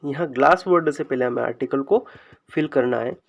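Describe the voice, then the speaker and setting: A man teaching English grammar in speech, explaining slowly and drawing out example sentences word by word. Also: medium pitch, gravelly, muffled recording. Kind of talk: explaining a lesson.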